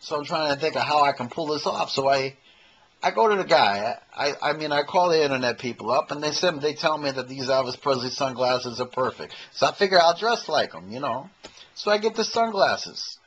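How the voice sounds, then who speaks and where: Husky man in his fifties joking. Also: on the high side, expressive, a little fast, fairly bright tone, lo-fi sound. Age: 50s. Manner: rambling and self-mocking, repeats himself. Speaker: amateur comedian and impersonator. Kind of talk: stand-up comedy monologue to camera. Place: his own room, indoors. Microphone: handheld camcorder mic.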